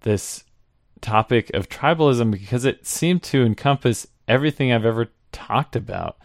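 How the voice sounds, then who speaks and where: A man's voice: mid-range voice, moderate pace, no room sound, studio quality. A young man hosting a podcast, asking questions in a hesitant way and laughing easily. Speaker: podcast host. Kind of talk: casual interview talk.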